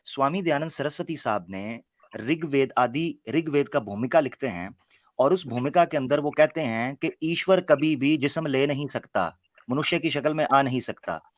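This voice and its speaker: A man's voice: medium pitch, moderate pace, dry recording, studio quality. A man calling into a live religious debate and earnestly explaining his point, while his voice breaks up and cuts out over the connection. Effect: voice breaking up, choppy connection. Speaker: call-in debater. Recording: choppy online call audio.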